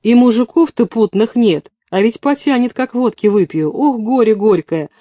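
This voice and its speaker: A man's voice: extremely high pitch, moderate pace, mellow, no echo, lo-fi sound, voice pushed up. A man reading an audiobook, voicing a brash, coarse woman who mocks everyone in a folksy way. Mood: lamenting.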